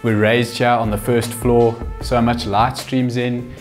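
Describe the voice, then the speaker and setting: The show host, a house flipper, leads a casual walkthrough of an old, empty home, chuckling as he notes details. He speaks at medium pitch with little pitch movement and a measured pace, against light music and the echo of bare rooms.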